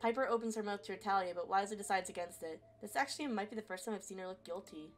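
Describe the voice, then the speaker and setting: A woman streamer reading a visual novel aloud as expressive story narration. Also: mid-range voice, racing. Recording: faint game music behind. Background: faint music.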